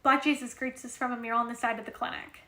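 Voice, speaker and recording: A woman's voice: fairly high pitch, level tone, quick pace, pushed and bright. A woman reading a novel aloud in a casual way, with occasional restarts. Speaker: reader. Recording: roomy echo.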